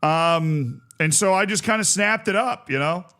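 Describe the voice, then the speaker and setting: A man hosting a casual gaming livestream, chatting playfully with viewers and giving exclamatory, jokey shout-outs. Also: high-pitched, unhurried. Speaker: live streamer host.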